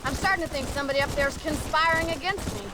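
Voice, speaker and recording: A woman's voice: high-pitched, fast talker, natural voice. An actress playing a plucky, commanding female rancher with an American accent in a western video game, forthright and folksy. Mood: plain-spoken, brisk. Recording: clear outdoor noise behind the voice.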